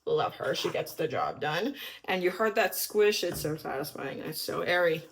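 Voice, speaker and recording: A woman's voice: low-pitched, expressive, moderate pace, vocal fry. A young woman vlogger in a casual, upbeat chat to camera, a little out of breath and using lots of fillers. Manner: chatty, upbeat, filler-heavy. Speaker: lifestyle vlogger.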